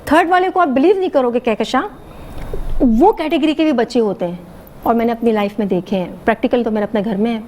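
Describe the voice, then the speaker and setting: A middle-aged woman with a Pakistani accent, an educationist speaking as a guest on a morning show, earnest and animated, mixing English words into her talk. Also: on the high side, a little hiss or hum.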